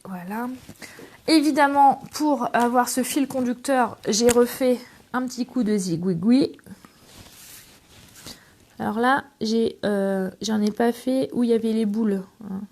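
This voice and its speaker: A middle-aged Frenchwoman with a slightly high, slightly slow, darkish voice hosts a casual scrapbooking tutorial. She's a craft demonstrator and channel host who chats affectionately with her viewers as she works.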